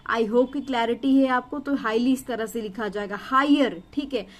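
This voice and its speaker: A woman's voice: a little high, normal speed. A young adult woman teaching a stenography lesson, explaining step by step in a patient, repetitive way and often checking in with her students.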